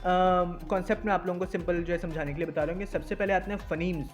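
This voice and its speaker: A man's voice: sits high, fairly even intonation, fast talker, soft background music. A young man teaching in a casual discussion, explaining step by step and often checking that listeners follow. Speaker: teacher explaining language acquisition.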